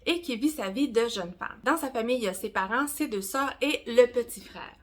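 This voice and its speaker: A woman in her forties with a Québécois accent, giving a casual, rambling review of her month's reading, with self-mocking asides and some soft whispered comments. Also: on the high side, expressive, brisk. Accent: Québécois French. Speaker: book vlogger.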